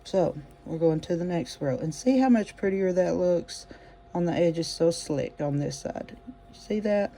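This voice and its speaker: A crochet teacher with a mellow, warm voice walks through stitches in a relaxed, chatty way. The phrasing is folksy and homespun, full of gentle encouragement. Each step gets spoken aloud as the hands work. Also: mid-range voice, a little slow, creaky, slight background noise. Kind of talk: casual step-by-step craft demonstration.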